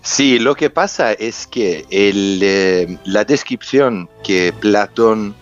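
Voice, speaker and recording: A man's voice: on the low side, slow. A man, a native English speaker with a foreign accent, telling his story as an interview guest, searching for words and repeating for emphasis. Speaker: interview guest, underwater explorer and researcher. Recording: muffled sound with music behind.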